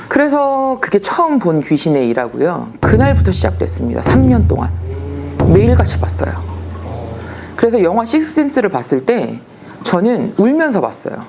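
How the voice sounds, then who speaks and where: A woman shaman recounts her experiences in a casual storytelling manner. Her low-set voice swings widely in pitch as she acts out the people she quotes. A faint hiss of noise sits under the recording. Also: darkish tone.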